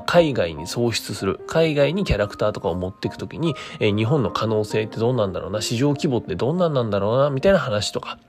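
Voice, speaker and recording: A man talks casually to his listeners as a stream host, with music playing behind him. His pitch moves around a lot as he slips between courteous announcer phrasing and informal asides. He hesitates and wanders as he works out his thoughts aloud. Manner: polite presenter phrasing mixed with chatty asides; thinks aloud, hesitant and meandering. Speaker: creator hosting his own daily talk stream. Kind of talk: casual solo monologue to listeners.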